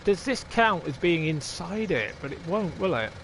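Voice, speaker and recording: A man live-streams a farming game in a slightly high, a bit bright voice with big pitch swings at normal speed, over slight background noise. He chats with viewers, thinks aloud and swears offhandedly.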